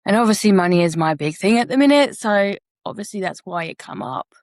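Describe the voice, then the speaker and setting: A woman's voice: mid-range voice, animated, a little fast, darkish tone, dry recording, clean studio sound. A woman co-hosting a podcast, telling a personal story frankly and reflectively and swearing casually. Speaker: podcast co-host.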